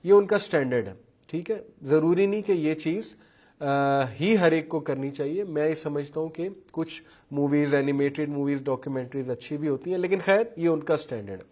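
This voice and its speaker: A parenting lecturer with a slightly high, slightly mellow male voice gives a talk on parenting styles. He lists traits one at a time, mixes English terms into his speech, and acts out what parents and children say in his examples.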